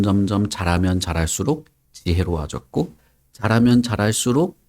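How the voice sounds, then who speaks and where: A man who is a pastor gives a children's sermon and tells the story in a lively way, putting questions to the children. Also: on the low side.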